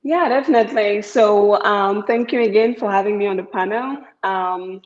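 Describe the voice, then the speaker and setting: A young woman from Cameroon, answering on a panel as a startup founder in a measured way with many pauses. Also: medium pitch. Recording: dull lo-fi audio.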